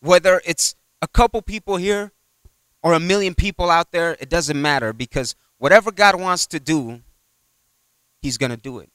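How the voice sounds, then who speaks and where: A man with a somewhat high, slightly bright, smooth voice preaches a conversational sermon in a church at normal speed, with no echo. He rambles through retold exchanges and keeps dropping in "you know."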